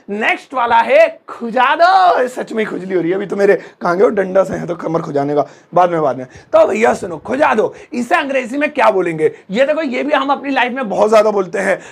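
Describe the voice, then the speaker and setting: A young man teaching English phrases in a playful, joking way, slowly drawing out his example sentences. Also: very high-pitched, gravelly. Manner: joking, drawn-out example phrases, chatty asides. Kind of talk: playful Hindi English lesson.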